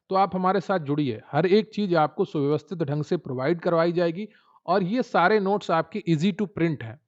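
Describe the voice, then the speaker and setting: A man with a somewhat high voice gives an exam-prep lesson and keeps coaxing viewers to sign up for his notes. He talks straight to the audience in a persuasive promotional tone. The audio sounds dull and lo-fi. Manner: persuasive, addresses viewers directly.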